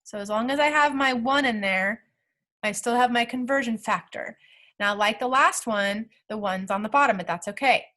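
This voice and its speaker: A woman's voice: on the high side, normal speed, pushed and bright. A woman teacher talking through math problem steps aloud in a recorded lesson, checking in with the class as she goes.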